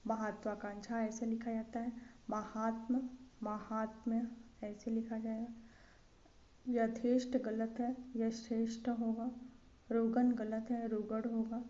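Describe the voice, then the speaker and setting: A woman's voice: on the high side, flat delivery, unhurried, warm tone. A young woman teaching an exam coaching lesson, saying each word again and again and setting wrong spellings against right ones. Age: young adult. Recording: slightly dull lo-fi audio with faint background noise.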